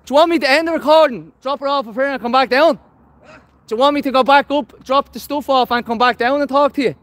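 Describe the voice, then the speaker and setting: A man's voice: very high-pitched, quick pace, fairly bright tone, no echo. A man from Dublin with a Dublin accent, vlogging live on the street, blunt and confrontational and swearing a lot. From Dublin, Ireland. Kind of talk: live street vlog commentary. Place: outdoors on city streets at a protest.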